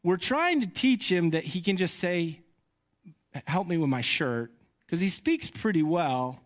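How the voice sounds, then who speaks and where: A male pastor in his thirties preaches in an unhurried, measured way from a church stage. His voice sits a little high for a man, and he keeps the sermon conversational, growing animated when he tells stories. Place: church sanctuary. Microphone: handheld or headset mic.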